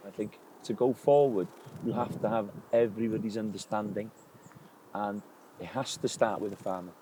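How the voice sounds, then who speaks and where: A man's voice: lowish voice, fairly even intonation, moderate pace, background noise. A man, a farmer, speaking earnestly and plainly in a documentary interview.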